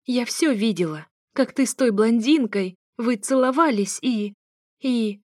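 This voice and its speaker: A heartbroken young wife, crying and shouting in fury, as a woman reader acts her out. Her voice climbs high and loud with tearful strain. The sound is close and dry. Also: measured pace, no echo. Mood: sobbing angry. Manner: shouting through tears.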